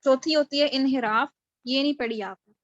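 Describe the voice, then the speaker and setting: Woman teacher, high voice, dry close sound over a video call, explanatory and questioning. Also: no echo, lo-fi sound. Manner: explanatory, mixes English terms into Urdu, checks understanding with questions. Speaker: Quran recitation teacher. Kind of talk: live online lecture. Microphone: video call microphone.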